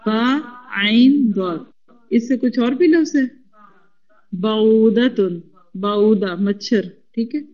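Woman teacher spelling out roots slowly. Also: a little high, muffled recording. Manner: spells out root letters slowly and coaxes the class to repeat. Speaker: Quran Arabic teacher. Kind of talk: classroom lesson.

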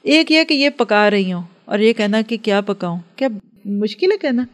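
A woman's voice: a little high, lively intonation, normal speed. A woman giving an earnest religious lecture to a class, advising and acting out everyday dialogues. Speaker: religious teacher.

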